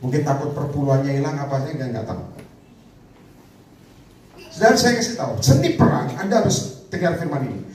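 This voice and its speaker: A man's voice: on the high side, sing-song, a little fast, long pauses, a little mellow. A male evangelist preaches animatedly, his voice swooping up and down as he calls for responses. He sounds set back from the mic, in a hall strong echo and a faint hiss underneath. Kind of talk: sermon. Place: church prayer meeting hall. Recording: echoey hall, distant mic, faint noise.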